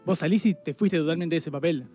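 A man's voice: a little high, fast, warm tone, soft background music. A man with an Argentine accent, a producer asking the guest a loose, rambling question. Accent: Argentine Spanish. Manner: rambling, with repeated words. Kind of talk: casual interview question.

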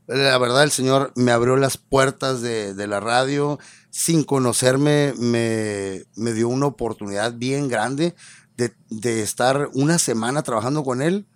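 A man's voice: mid-range voice, gravelly, no room sound. A man with a Mexican accent, a radio personality and voice artist, telling his story in a casual interview and acting out the people he quotes. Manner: lively, acts out quoted dialogue in changed voices.

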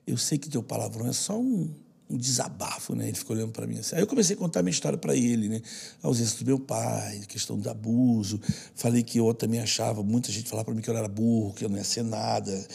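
A man's voice: on the low side, fairly even intonation, fast, creaky, warm tone, breathy edge. A man with a Brazilian Portuguese accent, a guest in an interview telling personal stories in an earnest, slangy way. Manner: earnest, slangy, repeats for stress. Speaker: guest who works with children. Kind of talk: emotional interview storytelling.

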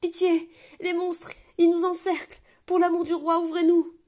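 A man's voice: extremely high pitch, monotone, moderate pace, a little mellow, pitched above the performer's own voice. A woman voicing a terrified male gate guardian who screams and sobs as he begs to be let in. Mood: desperate. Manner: screaming, pleading, sobbing.

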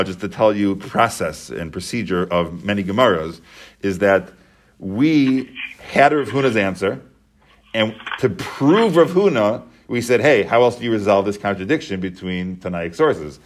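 Man, Talmud teacher, low voice, patient step-by-step explaining. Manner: explains step by step, repeats and restates points.

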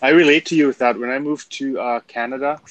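A man from Germany in a casual chat, friendly and encouraging, sometimes halting. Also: mid-range voice, fairly even intonation, a bit bright.

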